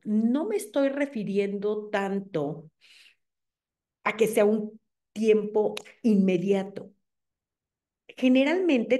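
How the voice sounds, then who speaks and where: A middle-aged woman with a Mexican Spanish accent gives an animated, conversational talk to a room of mothers, often checking in with them. Her voice is mellow and warm, never sharp. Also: medium pitch. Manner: animated, asks the audience "¿ok?".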